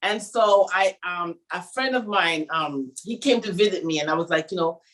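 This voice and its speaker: In an interview, a middle-aged Jamaican fashion designer tells her story, acting out the people she quotes like an animated storyteller. Her voice sits on the low side and moves at a moderate pace.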